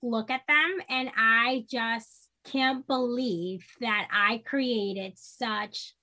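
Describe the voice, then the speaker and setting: A woman's voice: on the high side, fairly even intonation, drawn-out words, pushed and bright. A woman in her thirties from the Dominican Republic, a podcast guest talking about parenting in an effusive, casual way, full of fillers and restarts. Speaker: guest, social worker and parenting creator. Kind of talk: casual interview chat.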